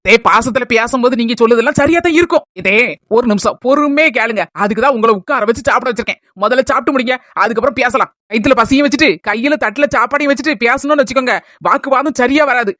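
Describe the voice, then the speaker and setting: A woman performing in a comedy sketch, speaking with a Kanyakumari Tamil accent, brisk and persuasive. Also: a little high, fairly bright tone, no room sound, clean studio sound.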